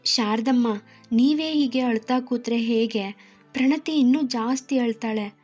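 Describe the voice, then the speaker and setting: A woman voicing a dutiful young male assistant who calmly comforts a grieving older woman. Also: on the high side, measured pace. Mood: soothing. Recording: muffled lo-fi with soft music.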